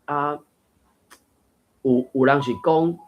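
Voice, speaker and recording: A man's voice: a little high, fairly even intonation, slow, lo-fi sound. A man with a Taiwanese accent hosting a casual reading group talk, musing and thoughtful, with faint music behind. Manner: thoughtful, musing, with fillers and laughs. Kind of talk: casual discussion of Taiwanese texts.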